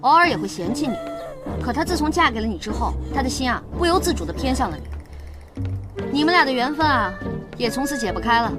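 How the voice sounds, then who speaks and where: Shrewd imperial consort. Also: female voice, high voice, expressive, fast talker, loud music behind the voice. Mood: coaxing. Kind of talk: costume drama acting.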